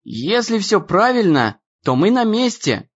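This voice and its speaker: A man's voice: sits high, sing-song, unhurried, muffled recording, pitched above the performer's own voice, full character voice. Dan, a man voicing a nervous young boy. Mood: anxious. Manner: nervous, stammering. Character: anxious young teenage boy, hurried. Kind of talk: audiobook character voice.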